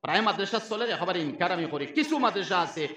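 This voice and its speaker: A man's voice: high voice, fast, reverberant. A man with a Sylheti Bengali accent preaching a sermon, telling stories and acting out the voices in them. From Barak Valley, Assam. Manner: animated storytelling, acting out voices in quoted exchanges.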